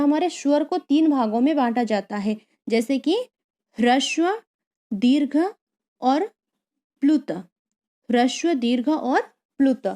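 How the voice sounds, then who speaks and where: A woman's voice: high-pitched, dark tone. A woman teaching a grammar lesson, explaining patiently, repeating key terms and asking rhetorical questions. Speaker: Sanskrit teacher.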